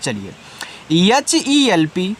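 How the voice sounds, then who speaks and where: A man teaching English words letter by letter, spelling slowly, then explaining patiently and answering his own questions. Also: high voice, huge pitch swings, fairly bright tone. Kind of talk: Hindi-language spelling lesson.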